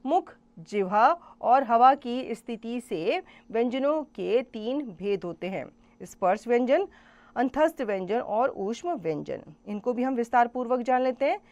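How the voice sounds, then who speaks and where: A woman's voice: on the high side, lively intonation, a little mellow, lo-fi sound. A woman teaching a school grammar lesson to children, spelling out letters one by one and asking the class questions. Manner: slow, careful explanation, spells out letters one by one; addresses children directly with questions.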